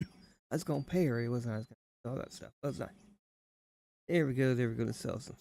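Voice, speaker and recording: A man's voice: medium pitch, fast talker, vocal fry, mellow, no room sound. A man, rambling folksy commentary while live-streaming a game. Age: 30s. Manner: rambling, folksy, drifting mid-sentence. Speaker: live-stream gaming host.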